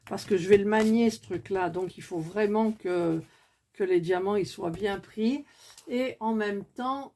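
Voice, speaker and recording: A woman talks her way through a craft project in a relaxed, meandering way. She speaks slowly and in a fairly low voice, pausing often, restarting phrases and filling gaps as she thinks aloud. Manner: chatty, thinking aloud with many fillers and restarts. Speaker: craft vlogger. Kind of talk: casual crafting commentary.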